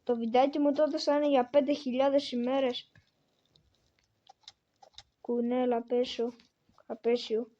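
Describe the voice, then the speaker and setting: A woman's voice: high voice, level tone, pauses often, warm tone, lo-fi sound. A woman giving casual gameplay commentary, talking to herself and the game and exclaiming often. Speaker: gamer.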